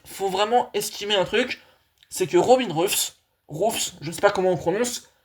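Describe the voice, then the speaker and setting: A young man with a fairly high voice hosts his own football channel. He talks in a casual, enthusiastic way and keeps addressing his viewers as friends. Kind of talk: casual analysis monologue.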